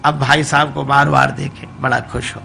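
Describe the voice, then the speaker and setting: A man's voice: mid-range voice, level tone, moderate pace, creaky, bright, forceful tone, faint music behind. A man preaching a devotional sermon, telling a folk story folksily and breaking into sung verses.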